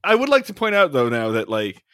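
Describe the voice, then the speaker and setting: A man's voice: mid-range voice, huge pitch swings, brisk, fairly bright tone, smooth, no echo, studio quality. A man co-hosting a casual comedy podcast, riffing playfully and jumping into silly bits. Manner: playful, bursts into silly voices. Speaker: podcast co-host.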